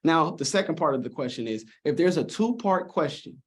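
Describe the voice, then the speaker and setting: A man's voice: a little high, expressive, fairly quick. A man coaching students on interviews during a live webinar, casual and encouraging, often checking in with "all right?". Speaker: presenter.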